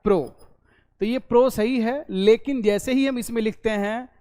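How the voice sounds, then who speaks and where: A man teaching a basic language class in a video lesson. He explains slowly, drawing out sounds and checking in after each point. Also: very high-pitched, steady tone, darkish tone. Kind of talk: online class lecture. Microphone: recorded for a video lesson.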